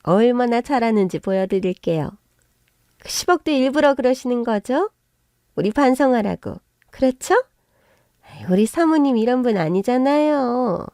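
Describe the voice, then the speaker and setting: A woman playing a sly young husband in a spoken story, fawning and pleading as he wheedles. Her voice sits a little high for the part and stays soft and mellow. The recording is close and dry. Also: normal speed, no room sound, close to an everyday voice. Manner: ingratiating, pleading. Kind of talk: narrated story with acted voices.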